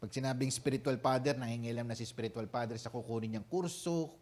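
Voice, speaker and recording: A man with a Filipino accent preaches like he is chatting with his church. He often turns to the people with quick check-in questions. His voice sits at a middle pitch for a man. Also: darkish tone. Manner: conversational preaching, frequent tag questions. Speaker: senior pastor. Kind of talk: sermon.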